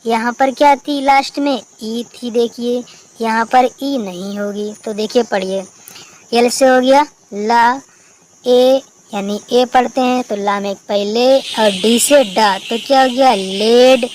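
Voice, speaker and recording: A woman's voice: a little high, takes it slowly, a little mellow, slight background noise, low-quality recording. Woman teacher, recorded lesson. She spells out letters and asks her own questions. Faint crickets in the background. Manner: spells out letters and asks herself questions, then answers them. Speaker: English teacher.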